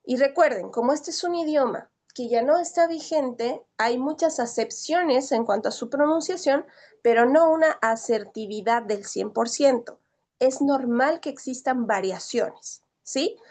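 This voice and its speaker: A woman with a high, light voice teaches an online class. She explains patiently and keeps turning to her students with questions, checking that they follow. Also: a little slow, darkish tone. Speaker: Greek teacher.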